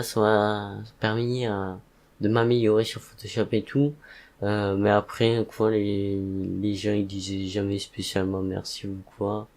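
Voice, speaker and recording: A man speaks in a fairly low, slightly rough and rusty voice. He is subdued and relaxed, rambling casually with frequent hesitations, like a creator recording a calm evening update. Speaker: content creator hosting a podcast-style update.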